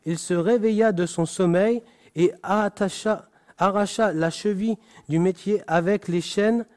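A man reads a Bible passage aloud and comments on it like a preacher. His voice sits high and his pace is unhurried. He stumbles on words and corrects himself. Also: a little mellow. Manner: slow, deliberate reading with frequent restarts and apologies.

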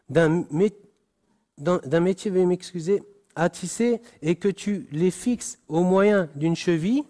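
Slow, high-voiced man reading scripture. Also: dark tone. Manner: slow, deliberate reading with frequent restarts and apologies. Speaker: preacher. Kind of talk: Bible reading with commentary.

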